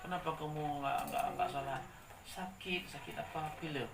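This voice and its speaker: Man preaching a sermon, call-and-response, fairly high voice, distant mic in a roomy hall. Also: moderate pace, gravelly. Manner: lively, asks the congregation to finish his sentences. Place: hall with a gathered congregation. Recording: echoey room, distant mic, faint noise.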